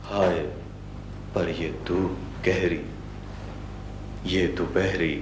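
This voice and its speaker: An actor playing a proud, struggling young writer who talks in a dramatic, declamatory way. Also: male voice, low-pitched, flat delivery, extremely slow, noisy background. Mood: declaiming. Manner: dramatic, declamatory when reciting. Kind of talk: television drama acting. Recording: roomy echo.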